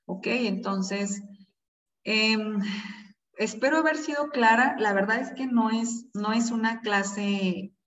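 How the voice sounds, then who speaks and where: A woman's voice: fairly high pitch, slow pace, fairly bright tone. Woman, lecturing parents, chatty with fillers, roomy far-off sound, dull video call audio. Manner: conversational, many fillers, checks in with the audience. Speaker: parenting class instructor. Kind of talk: online class lecture. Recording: distant, echoey, dull sound.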